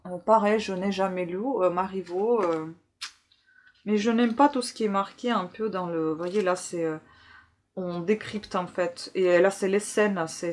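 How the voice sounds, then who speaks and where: With an easy, chatty manner, a woman book vlogger shows her viewers her haul one item at a time, hesitating and often pausing on filler sounds. She has a mid-range voice.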